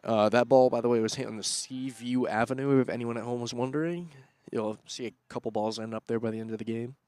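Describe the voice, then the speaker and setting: Young male play-by-play caller, excitable, mid pitch, dry close mic. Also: fast, clean tone, dry recording. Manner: excitable, rising loudly on attacks. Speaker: student sports commentator. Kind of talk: play-by-play commentary.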